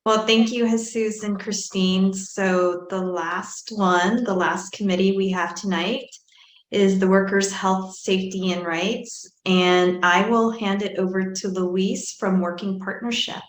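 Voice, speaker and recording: A woman's voice: medium pitch, steady tone, measured pace. A woman moderating a formal meeting. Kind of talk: meeting facilitation. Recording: echoey room sound.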